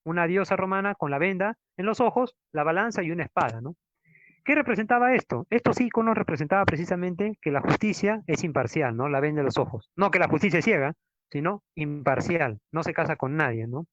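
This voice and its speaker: A man giving a law lecture with slides, in a teaching manner full of tag questions and slow stress on Latin words. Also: a little high, lively intonation, fairly bright tone, no echo. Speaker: law professor. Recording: dull, dry lo-fi lecture recording.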